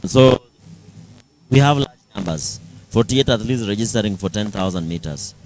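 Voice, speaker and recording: A man's voice: fairly low pitch, expressive, normal speed, darkish tone, faint music behind, poor audio. A man with a Kenyan accent giving live athletics commentary as a coach, explaining things with repeated phrases and tag questions.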